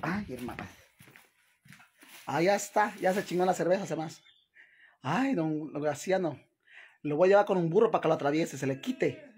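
A man's voice: on the high side, moderate pace, long pauses, darkish tone, slightly rough. A man with a Mexican accent chatting on a live stream, dramatic and full of exclamations, calling his viewers "sisters". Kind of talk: casual live-stream chat.

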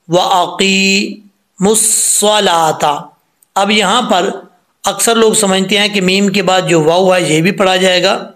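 A man teaching Quran pronunciation, patiently explaining each mistake step by step and then reciting the verses slowly in a chanted voice. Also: high voice, a bit bright. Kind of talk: tajweed lesson with slow chanted recitation.

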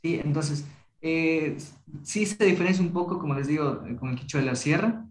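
Young man, casual halting teacher on a video call, slightly high, roomy sound. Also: slight background noise. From Ecuadorian Amazon. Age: young adult. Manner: casual, halting, with many restarts. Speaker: Kichwa workshop teacher. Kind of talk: online class discussion.

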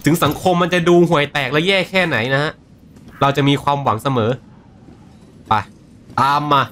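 A gaming streamer plays a video game live, voicing and translating the characters' lines aloud and reacting to them in between. His voice is fairly high, bright and forceful, at a normal speed, with a little hiss or hum in the background.

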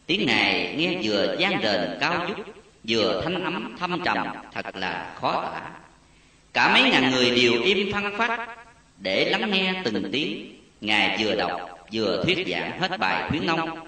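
A man reading a Buddhist memoir story aloud in a solemn, slow way, with a rising and falling voice, recorded far from the mic in an echoey space. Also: lowish voice. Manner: slow, solemn, lively rise and fall. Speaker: narrator. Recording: echoey and distant.

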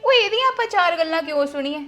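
A woman's voice: extremely high pitch, animated, fast talker, pushed and bright, faint music behind, exaggerated voice. A woman playing a bold young wife in a family drama, lecturing firmly. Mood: defiant. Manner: assertive, lecturing.

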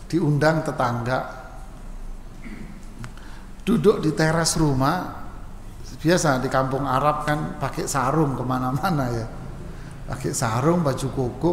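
A man preaching at a mosque study session, answering questions in a relaxed, joking way and mimicking regional speech for laughs. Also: a little high, a little hiss or hum. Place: mosque hall. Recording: echoey mosque hall with long reverb, faint ambience.

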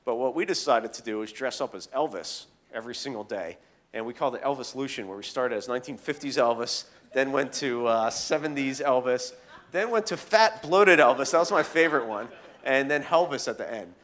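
A man telling goofy stories in a casual interview, animated and full of fillers. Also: medium pitch, a little fast. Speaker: guest speaker.

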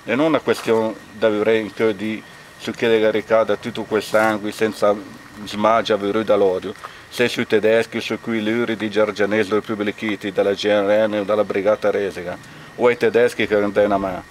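Lombard guy, lowish voice, lots of ums, reading a poem in dialect outside. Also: level tone, brisk, a little hiss or hum. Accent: Lombard Italian. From Castano area, Lombardy. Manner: hesitant, many fillers. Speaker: speaker at a commemoration. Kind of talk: informal remarks then reading a dialect poem. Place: outdoors at a memorial bike ride.

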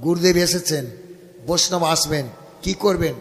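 A man with a West Bengal accent gives a devotional sermon, speaking high in his register. He preaches directly to his audience and breaks into chanted verses. The sound rings with a long hall reverb. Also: steady tone, normal speed, a little hiss or hum. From India. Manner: preachy, addresses listeners as baba. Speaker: Bhagavat reciter. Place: gathering at a home, live audience.

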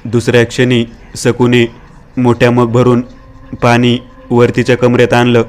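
A man narrating a horror story in a steady, even-toned scripted reading. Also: mid-range voice, a little slow, clean tone.

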